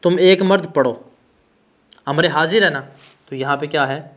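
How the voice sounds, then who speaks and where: A male teacher giving a classroom grammar lesson, asking questions and answering them himself. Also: fairly bright tone. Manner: stresses terms with rising pitch.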